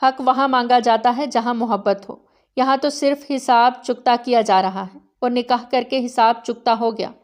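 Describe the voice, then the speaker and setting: A woman voicing a defiant, bitter young bride who speaks in a sharp, firm way in a storybook reading. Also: fairly high pitch, steady tone, close to an everyday voice.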